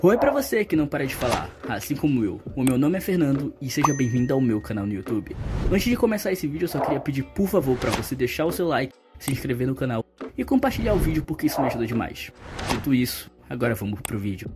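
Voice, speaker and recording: A fast-talking man with a medium-pitched voice and big pitch swings speaks with a Brazilian Portuguese accent. As a YouTube video essay host, he delivers scripted opinion commentary to viewers over background music.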